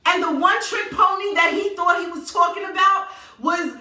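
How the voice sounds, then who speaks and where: At a moderate pace and in a very high voice, a vlogger from New York rants straight at her audience, sassy, animated and full of emphatic repetition. An echoey room surrounds her, and she's far from the microphone.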